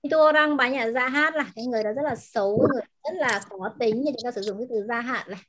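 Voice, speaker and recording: A woman teacher in an online class, patiently explaining words and pronunciation and repeating them slowly over a video call. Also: on the high side, background noise. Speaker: language teacher.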